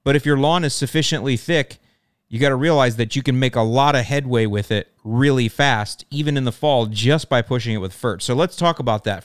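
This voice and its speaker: A man's voice: medium pitch, clean tone, dry recording, clean studio sound. A man hosting a how-to show, giving casual advice with emphatic, pushy enthusiasm. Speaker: host of a lawn care show.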